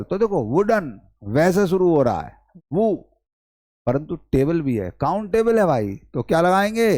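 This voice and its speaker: High-voiced male teacher. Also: a little mellow, dry recording, studio quality. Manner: repetitive questioning, addresses students as brother. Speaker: English teacher. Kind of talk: classroom-style lesson.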